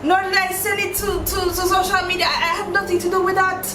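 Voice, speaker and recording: A woman's voice: very high-pitched, level tone, quick pace, background noise. A woman playing a defiant teenage daughter at wits end, exasperated and pleading with her father in a Jamaican accent, in a drama. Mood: pleading denial. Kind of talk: dramatic acting in Jamaican Patois. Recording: roomy echo, music laid over dialogue.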